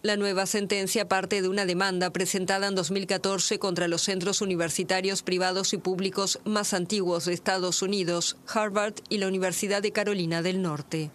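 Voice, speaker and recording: High-voiced man reading news voice-over. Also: fairly bright tone. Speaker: news narrator.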